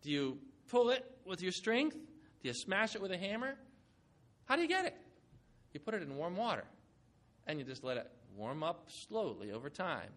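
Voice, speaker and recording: A man's voice: fairly high pitch, very animated, normal speed, a bit bright. A man preaching a sermon as pastor, earnest and conversational, building his point through homely everyday illustrations. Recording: church sanctuary recording.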